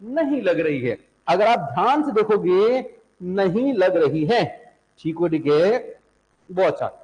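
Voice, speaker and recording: Male teacher, young adult, high lively voice, asks and answers his own questions, classroom reverb. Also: unhurried. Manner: asks students questions and answers them, repeats syllables. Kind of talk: classroom lecture on Hindi phonetics. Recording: echoey classroom.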